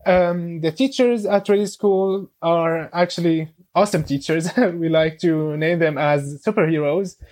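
A man in his twenties from Syria, a guest on a podcast, speaking English with many pauses, fillers and restarts. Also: a little high, darkish tone. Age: 20s. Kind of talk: casual interview.

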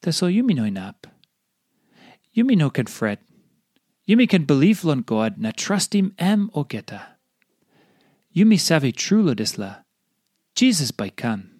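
A man's voice: a little high, very animated, measured pace, pauses often, darkish tone, dry recording, studio quality. A man reads a devotional in Pidgin, addressing listeners directly like a preacher. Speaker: devotional reader. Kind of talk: devotional reading in Papua New Guinea Pidgin (Tok Pisin).

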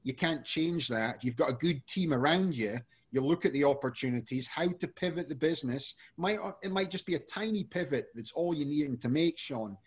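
A Scottish man, an energy company CEO, answers questions as a podcast guest in a loose, chatty manner full of fillers. His voice is fairly high, expressive and slightly rough, moving at a normal speed with hardly any pauses.

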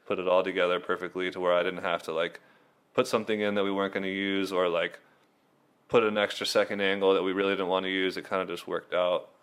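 A man's voice: deep voice, flat delivery, quick pace, fairly bright tone, clear, resonant tone. A young man in casual chat, laid-back and filling his talk with "like" as he recounts editing a video. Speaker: video editor and filmer.

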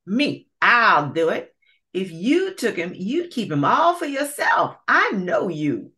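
A woman voicing a quarrelsome bad male alligator in a storybook, loud and bickering. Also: mid-range voice, sing-song, measured pace, voice pushed up. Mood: squabbling.

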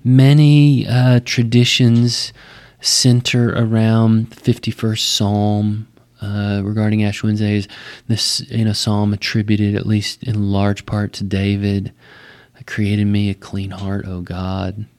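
A man with a West Texas twang, explaining things conversationally and thoughtfully like a pastor, often pausing mid-phrase. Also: fairly low pitch, completely flat delivery, darkish tone. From West Texas, United States. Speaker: Baptist pastor.

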